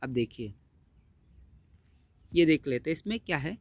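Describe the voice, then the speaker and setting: A man's voice: on the high side, expressive, measured pace, darkish tone, dry recording. A man teaching English, explaining a play line by line and mixing in translation. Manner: mixes Hindi explanation with English text.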